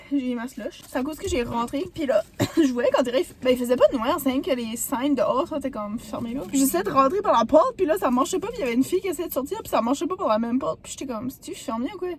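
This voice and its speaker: Fast, high hoarse Québécoise vlogger. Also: female voice, animated. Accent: Quebec French. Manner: chatty, rambling, full of fillers. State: hoarse from a sore throat. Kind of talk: casual vlog chat.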